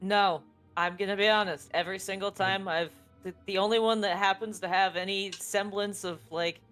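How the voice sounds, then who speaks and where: A woman's voice: medium pitch, steady tone, normal speed, a bit bright, faint music behind. Chatty woman player at the table. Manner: chatty, rambling. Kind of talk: casual chat.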